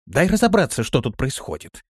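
A man's voice: mid-range voice, huge pitch swings, a little fast, husky, dry recording, pitched above the performer's own voice. A man reading an audiobook, voicing a bold young female demoness who speaks firmly and decisively. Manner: firm, decisive, thoughtful. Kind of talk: audiobook character voice.

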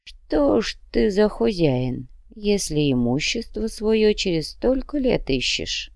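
A woman voicing a stern, dying old male monk who speaks slowly and curtly. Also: mid-range voice, big pitch swings, creaky, darkish tone, dry recording, studio quality, voice pushed up, heavily acted. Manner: slow, weighty, curt speech. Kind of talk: audiobook character reading.

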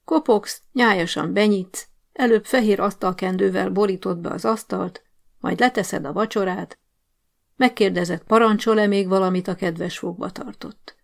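A woman's voice: medium pitch, vocal fry, lightly acted. A woman voicing a bossy, scheming male prison sergeant-major who barks orders at a guard in an audiobook story. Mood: commanding. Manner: commanding, barking orders.

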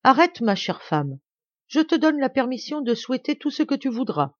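A woman's voice: high voice, sing-song, normal speed, no echo, pitched above the performer's own voice. A woman reading a fairy tale aloud, voicing a hasty, exasperated poor peasant husband in an insistent way. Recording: dry, slightly dull home recording.

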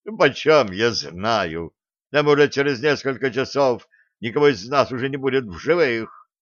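A man's voice: mid-range voice, animated, moderate pace, a bit bright, no echo, natural voice. A man doing a jittery young soldier. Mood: anxious. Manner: plaintive and uneasy. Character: nervous young male soldier, anxious. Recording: dry, slightly dull recording.

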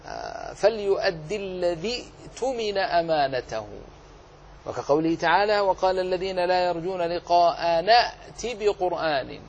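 A man teaching the rules of Quran recitation, explaining slowly, drawing out example words and asking and answering his own questions. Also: high-pitched, lively intonation, slight background noise. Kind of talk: tajweed lesson.

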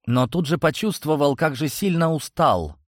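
A man narrating a science-fiction audiobook in first person, measured and steady. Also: on the high side, no echo, clean studio sound.

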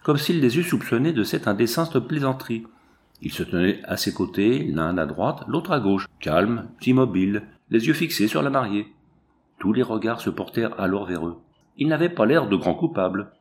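A man narrating a story aloud at a measured, even pace. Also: fairly low pitch. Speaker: audiobook narrator.

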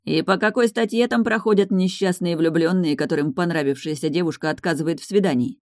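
A woman doing a cocky, smooth-talking young man. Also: on the low side, brisk, darkish tone, dry recording, studio quality, natural voice. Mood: teasing, cocky. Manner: cocky, self-assured, drawling.

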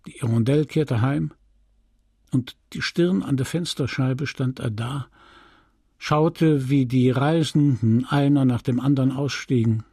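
A man reading a novel aloud as an audiobook narrator in a deliberate, measured way. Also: medium pitch, mellow, dry recording, clean studio sound. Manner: slow, deliberate, gravelly reading.

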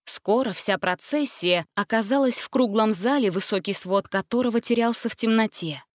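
A woman reading a fantasy storybook aloud as narrator, in measured, clear narration. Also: a little high, no room sound, clean studio sound.

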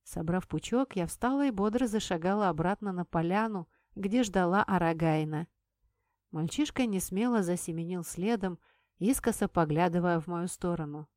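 A woman reading a first-person audiobook with calm, steady storytelling. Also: fairly low pitch, normal speed, no echo, clean studio sound. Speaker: narrator.

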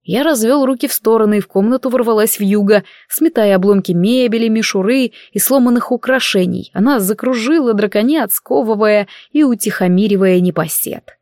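A woman reading a fantasy novel aloud as an audiobook narrator in steady storytelling. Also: fairly high pitch, a little fast, hardly any pauses, dry recording, studio quality. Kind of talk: scripted narration.

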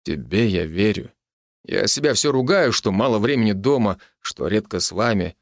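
A man voicing a gruff but tender army major speaking softly to his wife. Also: animated, no room sound, studio quality. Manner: low, hushed, slow.

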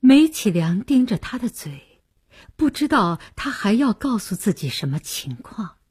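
A woman narrating a radio story as a storyteller, with a breathy, husky voice and an expressive, animated reading. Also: medium pitch, unhurried.

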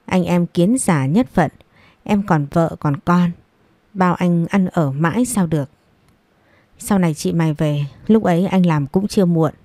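Curt middle-aged brother read by a woman, scolding, dark mellow voice, dry close sound. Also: lowish voice, a little slow, no echo. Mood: dismissive. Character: blunt middle-aged man, younger brother, curt and dismissive.

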